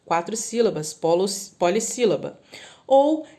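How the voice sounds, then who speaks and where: A woman teaching a recorded lesson to young children, slowly drawing out example words and often checking in with them. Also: medium pitch, sing-song, mellow. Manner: patient, drawn-out word spelling with frequent "tá?" checks. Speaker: primary school teacher.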